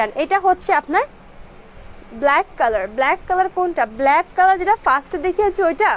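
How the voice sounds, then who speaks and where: A woman from Bangladesh hosting a live clothing sales stream, mixing in English words and repeating product codes and prices. She is fasting, and her throat is a little dry. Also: high voice, slight background noise.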